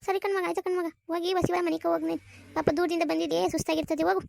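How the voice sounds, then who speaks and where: Older village mother, nagging, squeaky, rapid. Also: level tone, creaky, dry recording, studio quality, exaggerated voice. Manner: fast, high, nagging. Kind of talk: cartoon voice acting.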